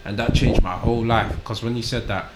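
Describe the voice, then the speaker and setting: A man's voice: medium pitch, steady tone, a little fast. A man in his twenties with a London roadman accent, telling personal stories casually in emphatic street slang. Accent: London roadman, multicultural London slang. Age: 20s. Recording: echoey room with faint noise.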